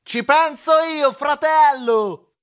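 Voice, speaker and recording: A man's voice: very high voice, slow, pitched above the performer's own voice. A man voicing a big-hearted, clumsy male mouse who eagerly offers to handle everything, in an audio storybook. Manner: enthusiastic, calls everyone brother. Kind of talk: storybook voice acting.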